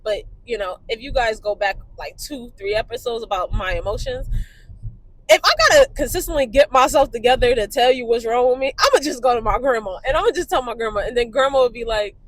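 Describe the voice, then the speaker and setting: A woman's voice: on the high side, fairly quick. A young woman from Brooklyn, co-hosting a casual chat and telling family stories with lots of laughter and acted-out quotes. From Brooklyn, New York. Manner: animated, laughing storyteller acting out quotes. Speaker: podcast co-host.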